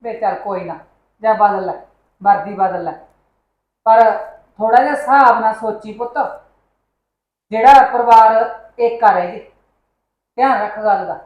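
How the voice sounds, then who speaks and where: A woman's voice: mid-range voice, a little slow, long pauses, muffled recording, natural voice. A woman playing a mother who coaxes and counsels her son, sometimes firmly. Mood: coaxing. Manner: coaxing, motherly, rising to firm scolding. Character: middle-aged mother, calm then firm with her son. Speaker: mother in a short film. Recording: echoey room.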